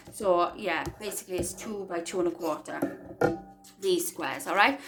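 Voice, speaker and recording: A Welsh woman hosts a casual craft tutorial, chatting, rambling and thinking aloud as she works at her desk. Her voice is mid-range with a fairly bright tone.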